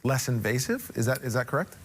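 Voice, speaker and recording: Male morning TV host, chatty, upbeat, mid-pitched voice, stumbles over words. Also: big pitch swings, a little fast, slightly rough. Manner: chatty, enthusiastic, stumbling restarts. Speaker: TV show host. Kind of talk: TV morning show interview.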